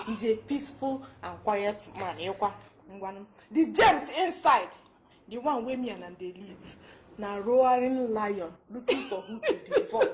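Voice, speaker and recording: A woman with a Nigerian accent playing a fed-up young wife in a film drama. She is loud, animated and laughs often. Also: medium pitch, slight background noise, close to an everyday voice. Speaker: film actor.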